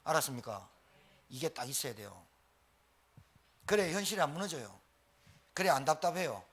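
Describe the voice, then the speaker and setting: A man pastor preaches at an evening prayer meeting in a high, very lively voice. He tells the story in colloquial terms and hammers each point with emphatic repetition, his pitch swinging widely. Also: a little fast, husky. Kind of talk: sermon at a Friday prayer meeting.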